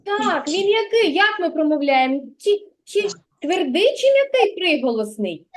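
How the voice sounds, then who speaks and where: A woman kindergarten teacher giving a literacy lesson, sounding out letters slowly and clearly for small children in a classroom. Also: extremely high pitch, very animated. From Ukraine.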